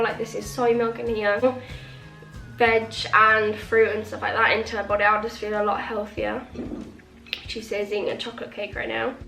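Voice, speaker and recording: With a slightly high, a bit bright voice, a young woman vlogs casually to camera, sniffly from a cold and rambling with frequent "like." Faint music sits behind her in an echoey room.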